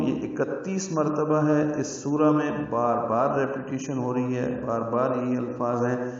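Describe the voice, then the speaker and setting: A man teaching Quran recitation rules step by step, slowly repeating syllables to show how each should sound. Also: medium pitch, gravelly. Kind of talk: step-by-step tajweed lesson. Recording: very echoey, distant, dull recording.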